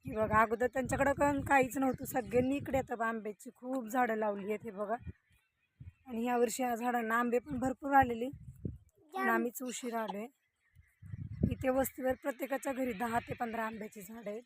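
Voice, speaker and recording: A fairly high-voiced young woman talks to her viewers in a casual, chatty way while walking through farm fields. She is recorded on a handheld phone outdoors, with faint wind and outdoor noise behind her. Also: steady tone, fairly quick. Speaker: vlogger. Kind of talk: casual vlog walkthrough.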